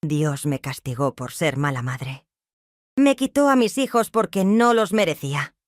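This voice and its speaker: A woman's voice: sits low, lively intonation, unhurried, dry recording, studio quality. A woman reading the lines of a grief-stricken widowed mother, confessing in a trembling, sobbing voice. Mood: anguished.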